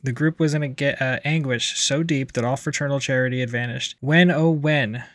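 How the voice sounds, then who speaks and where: A blunt man reads a book aloud and keeps breaking off to swear and comment. His voice sits at an ordinary middle pitch. The recording is dry and close, with no room sound. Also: a little fast, no room sound. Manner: blunt, swears often, animated asides. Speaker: podcast host reading and commenting. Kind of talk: reading aloud with profane commentary.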